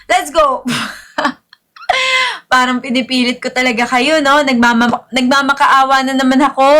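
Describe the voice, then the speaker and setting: A Filipino-accented woman runs a live gaming stream with constant hype and coaxing. Her voice sits very high and sounds bright and forward, while still soft and calming. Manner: upbeat hype, coaxing viewers to follow and repost.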